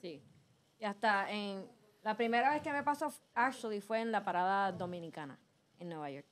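A woman guest telling a story in a lively way during casual chat. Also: mid-range voice, normal speed.

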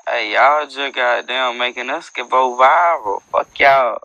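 At a measured pace and with a sharp tone, a young man speaks at medium pitch while hosting a late-night phone livestream, boasting in loose street slang and freestyle rapping. He's in a dim room using an earbud headset mic. The recording is dry, with the highs cut off.

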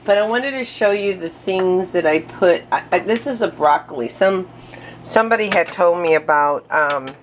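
A woman's voice: fairly low pitch, normal speed, a little hiss or hum. A woman vlogging a casual cooking demo in her home kitchen, chatty and rambling with many fillers and restarts, breathing hard.

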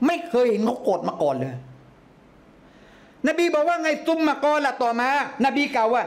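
A man teaching a religious lecture to a congregation, lively, calling out chanted phrases loudly. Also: very high-pitched, moderate pace. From Thailand.

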